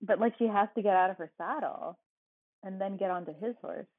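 A woman co-hosting a podcast speaks fairly quickly in a medium-pitched voice as she casually retells a movie plot with dry asides. The recording has no room sound but a tinny, phone-quality tone.

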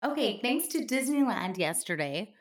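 A middle-aged woman co-hosting a casual podcast with her son, her voice partly lost and hoarse, laughing and exclaiming often. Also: on the high side, sing-song, moderate pace. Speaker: podcast co-host, mother. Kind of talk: casual chat.

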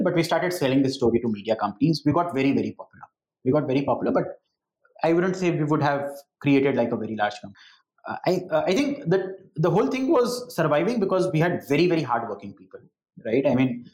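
A man with a North Indian accent talks very quickly in a slightly high voice. He tells stories in a casual, conversational way, slipping between English and Hindi and adding frequent tag questions. The room around the voice is clearly echoey. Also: darkish tone. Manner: switches between English and Hindi, frequent "you know" and "right?" tags. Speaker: entrepreneur telling of their career.

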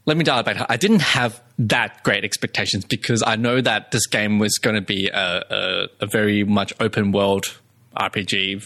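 A man co-hosting a casual podcast chat, animated, repeating words for emphasis and laughing often. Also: on the low side. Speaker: podcast co-host.

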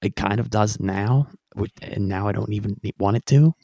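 Gravelly, husky man, laid-back podcast chat. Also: on the low side, normal speed, mellow, dry recording, studio quality. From Western Pennsylvania. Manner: laid-back, self-deprecating, frequent ums. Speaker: podcast guest, musician.

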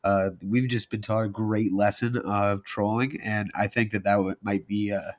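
A man hosting a casual podcast, talking in a relaxed, amused way. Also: lowish voice, moderate pace. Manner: relaxed, laid-back, amused. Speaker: podcast host.

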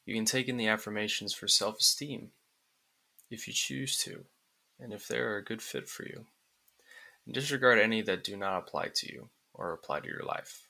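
A man narrating a guided relaxation script like a sleep story, in calm, soothing, deliberate phrases with pauses. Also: fairly low pitch, gravelly.

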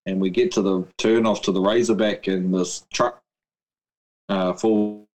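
Middle aged kiwi guy, lowish voice, yarning casually with heaps of slang and swearing. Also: flat delivery, a little slow, darkish tone, poor audio. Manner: blokey, slangy, swears freely. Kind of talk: casual storytelling chat.

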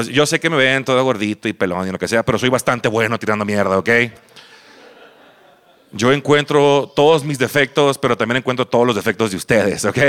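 A man's voice: lowish voice, a bit bright, smooth. A young man with a Mexican accent, a stand-up comedian telling a personal story and acting out other people's lines, swearing casually as he goes. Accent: Mexican Spanish.

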